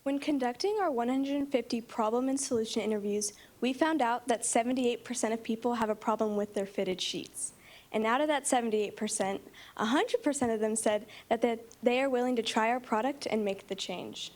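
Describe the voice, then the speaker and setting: A young woman with a somewhat high voice speaks for her startup team. She gives a confident, practised pitch to a panel in a meeting room. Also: normal speed, a little mellow. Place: meeting room, standing before seated judges.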